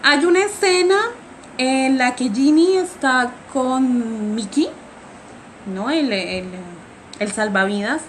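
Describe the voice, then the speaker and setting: A woman's voice: high-pitched, takes it slowly, slight background noise. A woman giving a film analysis presentation, talking hesitantly with frequent fillers and restarts. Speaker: student presenter.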